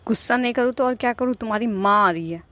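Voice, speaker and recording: A woman's voice: on the high side, fast talker, a bit bright, close to an everyday voice. A woman voicing a put-upon young wife in a cartoon, grumbling and complaining. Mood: irritated. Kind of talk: cartoon voice acting.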